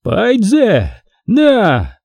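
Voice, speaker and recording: A man's voice: high-pitched, wildly swooping pitch, extremely slow, darkish tone, dry recording, pitched above the performer's own voice, heavily acted. Man doing an enraged arrogant Tatar envoy. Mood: furious. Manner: blustering, threatening.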